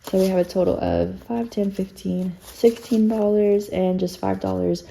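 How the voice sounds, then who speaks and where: A woman's voice: mid-range voice, steady tone, normal speed, gravelly, mellow, slight background noise, low-quality recording. A woman, slightly out of breath, chatting casually and self-deprecatingly as she stuffs cash into budget envelopes. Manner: chatty, self-deprecating, counts bills under her breath. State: a little out of breath. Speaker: budgeting vlogger.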